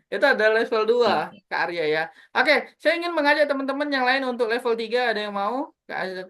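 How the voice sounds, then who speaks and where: A woman public speaking trainer teaching an online class, animated and always addressing her audience as friends, over a video call. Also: fairly high pitch, a little fast.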